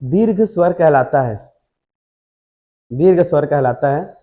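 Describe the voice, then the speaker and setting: Male classroom teacher, slow dictation pace, repeats definitions, quizzes students. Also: a little high, lively intonation, warm tone, highs cut off. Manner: repeats each definition slowly for dictation, asks the class questions. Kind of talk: classroom lecture, dictating notes.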